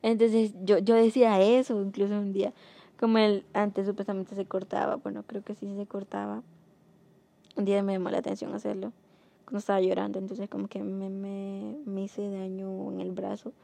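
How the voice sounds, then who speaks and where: A young woman telling a personal story in a casual, rambling way, with many fillers, mostly soft and subdued but rising when frustrated. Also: mid-range voice, little pitch movement, normal speed, creaky. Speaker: vlogger.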